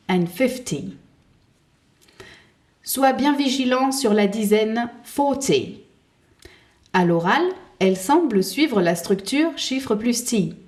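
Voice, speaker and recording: Slow, very deliberate woman teaching English. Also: medium pitch, a little mellow. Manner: slow and carefully enunciated, modelling words to repeat. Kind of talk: slow, deliberate language lesson.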